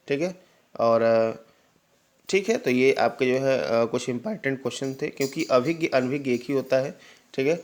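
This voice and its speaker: A young man teaching an online exam-prep lesson, explaining patiently, checking understanding with little affirmations and calling students "brother". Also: mid-range voice. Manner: addresses students directly, sometimes calling them "भाई".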